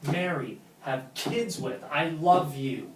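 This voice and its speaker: Reading naturalistic drama dialogue at a table read, the actor plays a wounded, lovesick, sarcastic man declaring love to his friend, halting and emphatic, the mood earnest and pained. His pitch is fairly high, and the distant mic catches echo and a bit of noise.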